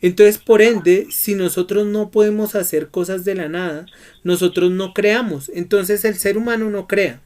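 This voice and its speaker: A man's voice: sits high, steady tone, moderate pace, darkish tone. A man teaching a Bible study lesson who keeps asking his students questions and prompting their answers.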